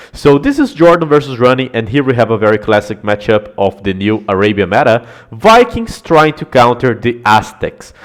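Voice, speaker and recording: A man streaming live game analysis, chatting with viewers, swearing often and laughing a lot. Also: mid-range voice.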